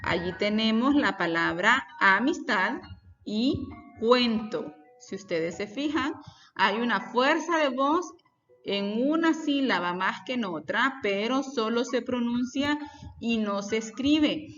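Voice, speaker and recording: A woman's voice: on the high side, expressive, fairly bright tone. A woman teacher giving a lesson, explaining step by step and putting questions to her students. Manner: deliberate, explains step by step and asks the class questions. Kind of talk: recorded class lesson. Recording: reverberant, dull lo-fi sound with faint music.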